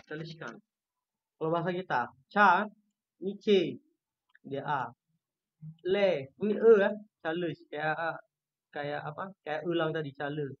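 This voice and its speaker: Over a shared screen, an Indonesian teacher gives an online Turkish lesson, patiently going through each letter sound slowly and repeating it to show pronunciation. The voice is mid-range and the sound quality is lo-fi.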